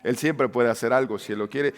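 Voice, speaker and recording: A man preaching a sermon with passion, swinging between loud cries and hushed words. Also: medium pitch, a little fast. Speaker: pastor. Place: church sanctuary. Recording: long church-hall reverb.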